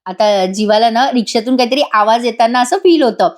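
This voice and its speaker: A woman's voice: on the high side, brisk. A woman narrating a TV serial recap as a voice-over, chatty and addressing viewers directly. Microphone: voice-over recording.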